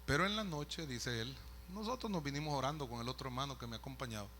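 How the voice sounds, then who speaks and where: Man, pastor, storytelling sermon, conversational asides, bright tone, faint hum behind. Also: mid-range voice, quick pace. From El Salvador. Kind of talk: sermon testimony.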